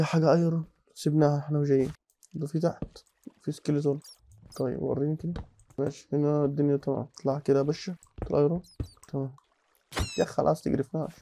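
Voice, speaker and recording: A young man with an Egyptian Arabic accent hosts a gaming channel, offering casual, excitable commentary as he plays Minecraft. His slightly high voice mutters to itself and occasionally bursts into alarmed shouts.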